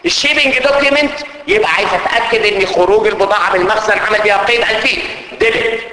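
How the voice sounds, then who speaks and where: Animated Egyptian man lecturing in an echoey hall. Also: high voice. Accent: Egyptian Arabic. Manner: animated and joking, mixes English audit terms into Arabic. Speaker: internal audit course instructor. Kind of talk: lively classroom lecture. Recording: echoey hall with faint ambience.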